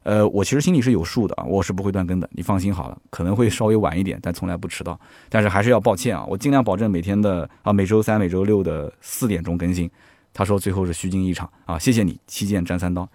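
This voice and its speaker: A man hosting a podcast in casual chat, animated and chatty, often asking his listeners "right?". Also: sits low, fast talker, no echo, studio quality. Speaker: podcast host.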